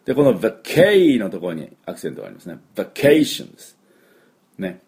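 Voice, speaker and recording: A middle-aged man giving a chatty English pronunciation lesson, with drawn-out fillers and model words repeated for the listener to copy. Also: sits low, very animated, darkish tone. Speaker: English teacher.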